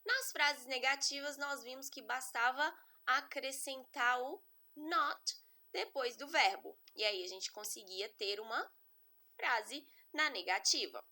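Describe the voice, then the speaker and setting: A woman's voice: high voice, takes it slowly, pushed and bright. A woman, teaching English grammar in an online lesson, explaining step by step and often checking in with her students. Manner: patient, step-by-step explaining with frequent check-ins.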